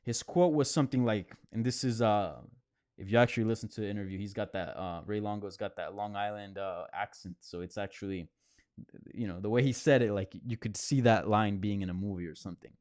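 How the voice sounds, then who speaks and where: A man's voice: on the low side, a little fast, darkish tone, clear, resonant tone, no room sound, clean studio sound. A man hosting a live question-and-answer stream, talking casually with lots of fillers and restarts. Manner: rambling, many restarts and fillers; conversational, answering viewer questions. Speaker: host. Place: apartment near a hospital.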